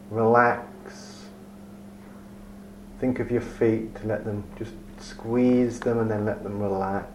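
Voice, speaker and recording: In a dull, lo-fi recording with a faint hum underneath, a meditation guide with a lowish voice talks gently and slowly. His soothing delivery leaves long pauses between phrases.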